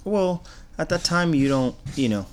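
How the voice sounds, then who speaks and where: A middle-aged man from Argentina, a business owner answering interview questions in a relaxed, rambling way with many fillers. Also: a little high, normal speed.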